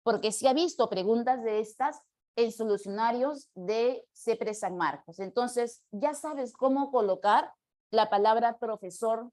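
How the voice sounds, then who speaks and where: A woman teaching a live online language class, explaining patiently and taking student questions. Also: a little high. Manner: patient, explanatory, reads questions aloud slowly.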